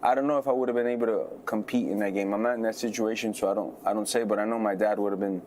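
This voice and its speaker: A male fighter in his thirties, a guest in a casual interview, who talks in an animated way, repeats himself and often restarts his sentences. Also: fairly low pitch, racing, slight background noise. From United States.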